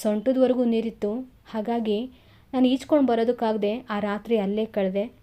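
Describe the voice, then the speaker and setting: A woman playing a humble working man, exhausted and modest, recounting in a soft, quiet voice. The tone is mellow and a touch high, close to her own reading voice. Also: fairly even intonation, moderate pace, close to an everyday voice.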